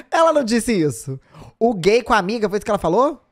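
A woman with a Brazilian Portuguese accent hosting a reaction commentary. She speaks in an expressive, exclamatory way. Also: fairly high pitch. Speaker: commentary host.

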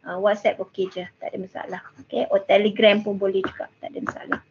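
A woman's voice: medium pitch, level tone, racing, a little hiss or hum. A middle-aged woman with a Malaysian accent tutoring online in casual Manglish, code-switching with particles like lah and kan and repeating her phrases. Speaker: university lecturer. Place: indoor room with bookshelves, video call. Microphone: headset. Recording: muffled, band-limited video call audio.

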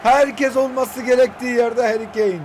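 A man in his twenties giving excited live commentary while playing a football video game, shouting player names and talking to the players on screen. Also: very high-pitched, moderate pace, slight background noise. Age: 20s. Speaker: gaming YouTuber.

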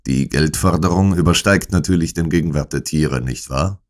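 A male reader voicing a cool-headed detective in a storybook, the voice extremely deep. He probes with composed, unmoved questions and keeps every line level. It is recorded close on a studio microphone. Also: normal speed. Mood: composed probing. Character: calm, sharp-minded male detective. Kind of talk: audiobook character voice.

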